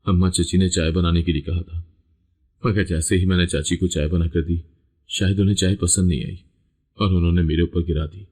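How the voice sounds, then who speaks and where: A man's voice: deep voice, fairly even intonation, normal speed, a little mellow, husky. A man voicing a frightened young daughter, read plainly in a storybook reading. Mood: tearful pleading. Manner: plainly read in the narrator's own voice.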